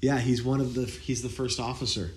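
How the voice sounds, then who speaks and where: A man's voice: mid-range voice, steady tone, fairly quick. A man co-hosting a movie podcast, casual and jokey, talking with enthusiasm. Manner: jokey, enthusiastic, hums and quotes lines. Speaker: podcast co-host. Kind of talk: casual chat about movies.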